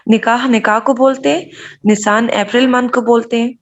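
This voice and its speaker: A woman student reading out a vocabulary list in an online class, halting, with many fillers. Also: a little high, fairly even intonation, highs cut off. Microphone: video call.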